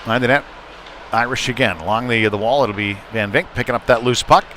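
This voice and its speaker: At an indoor ice rink, a man calls a live hockey game, the rink's noise clearly audible in this broadcast. His mid-range, slightly bright voice moves quickly, conversational as though he's thinking aloud while tracking the play.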